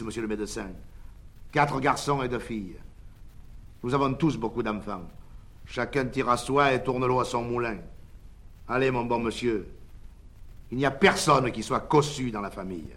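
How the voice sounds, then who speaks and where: A man's voice: mid-range voice, fairly bright tone. A man voicing a sly peasant villager who pleads and complains about hard times. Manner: pleading, hard-luck talk.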